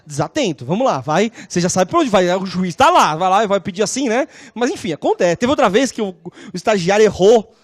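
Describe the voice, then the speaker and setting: A woman lecturing on law, telling lively stories and constantly checking in with her class. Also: medium pitch, a little fast, few pauses, dry recording. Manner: animated, acts out scenes.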